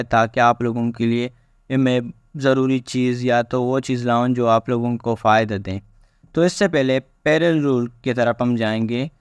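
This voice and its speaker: Man teaching English spelling, smooth dry voice. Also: medium pitch, no echo. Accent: Pakistani. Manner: reads English rules slowly, then explains them casually with repetitions. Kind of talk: spelling lesson explained step by step.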